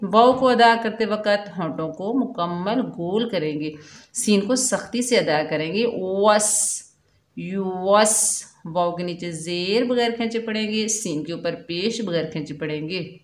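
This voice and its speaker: A woman teaching Quran recitation slowly and patiently, drawing out the recited words in a chant. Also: lowish voice, echoey room. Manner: slow, patient explaining with drawn-out chanted recitation. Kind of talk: step-by-step recitation lesson.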